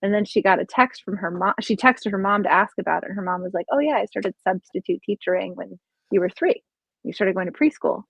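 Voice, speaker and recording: A woman's voice: mid-range voice, fairly quick, vocal fry, husky, no room sound, rough recording. Young woman, podcast guest; casual, searching, dry close sound. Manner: musing, searching for words, many restarts. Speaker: podcast guest, comedian and psychic reader.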